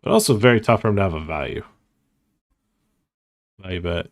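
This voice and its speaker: A man's voice: low-pitched, animated, a little fast. A man streaming online poker, thinking aloud in casual, self-mocking commentary and swearing freely.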